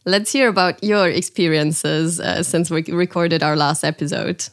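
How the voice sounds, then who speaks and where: A woman's voice: fairly low pitch, fairly even intonation, unhurried. A woman hosting a podcast, chatting in an upbeat, friendly way with occasional hesitations. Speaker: podcast host. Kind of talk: casual podcast chat.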